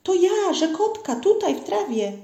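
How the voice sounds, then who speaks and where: A woman doing a squeaky little frog. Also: big pitch swings, warm tone, heavily acted. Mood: calling out. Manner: squeaky, quick to cry or cheer. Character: small tearful cheerful female tree frog. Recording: roomy echo.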